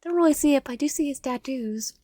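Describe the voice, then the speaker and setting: A woman's voice: sits high, fast, mellow, no room sound, studio quality. A woman reading a visual novel fan game aloud, stumbling and restarting words and breaking off into chatty asides. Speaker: gameplay narrator.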